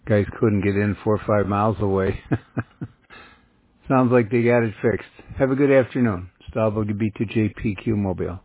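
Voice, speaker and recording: A man's voice: lowish voice, normal speed, husky, no room sound. A man working as an amateur radio operator, chatting casually over a two-way radio. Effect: two-way radio transmission. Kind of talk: casual ham radio chat. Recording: tinny, roomless narrowband radio.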